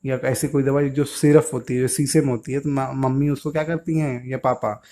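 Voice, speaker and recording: A man's voice: mid-range voice, little pitch movement, brisk, dark tone. A man teaching English words to young children, patiently asking questions and answering them himself.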